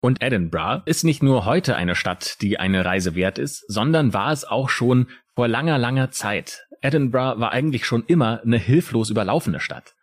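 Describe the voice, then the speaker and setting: With an animated, medium-pitched voice and a Palatinate German accent, this man co-hosts a true crime podcast. He builds the story dramatically, pausing along the way.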